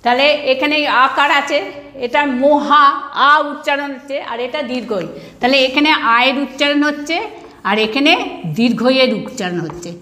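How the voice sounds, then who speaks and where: A woman's voice: high voice, moderate pace, sharp tone, reverberant. A woman teacher with a Bangladeshi Bengali accent gives an online grammar lesson, asking questions and answering them herself as she repeats each rule. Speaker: primary school teacher.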